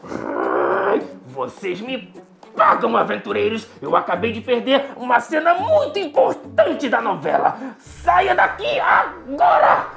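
A man's voice: very high-pitched, wildly swooping pitch, unhurried, vocal fry, fairly bright tone, exaggerated voice. A man playing a grumpy, whiny dinosaur villain in a children's show, indignant in manner. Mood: furious. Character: grumpy green dinosaur villain who loves soap operas. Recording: music behind the voice.

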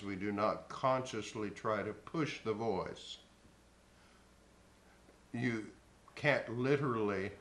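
Guy teaching singing, low voice, takes his time, roomy echo. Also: a bit bright. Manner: slow, measured, instructive. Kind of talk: spoken vocal lesson. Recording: echoey room.

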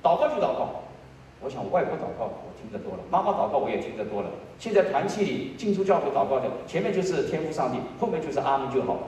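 A man in his sixties, a pastor, giving a sermon with a personal testimony, swinging between hushed low lines and loud, high emotional peaks. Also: sing-song, quick pace, hardly any pauses, a little hiss or hum. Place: church sanctuary. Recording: echoey church hall, voice from far off.

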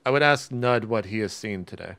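Tabletop player, low-ish, smooth clear voice. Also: male voice, fairly quick, fairly bright tone. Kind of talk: tabletop game play.

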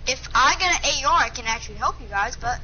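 A woman streaming a shooter game, talking in an excitable, slightly whiny way as she hunts for loot. Her voice is high and very bright. The recording is dull and lo-fi, with a faint hiss underneath. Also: fast. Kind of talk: casual gaming stream chat. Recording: lo-fi with faint noise.

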